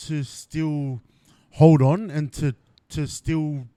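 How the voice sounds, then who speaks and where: A man hosts a casual podcast chat. He talks eagerly in a slightly raised pitch and fills his sentences with "like" and "you know what I mean." His voice sits dry and close, with no room sound around it. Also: flat delivery, takes it slowly, dark tone, dry recording. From Australia. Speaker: podcast host. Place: indoors at a company's headquarters.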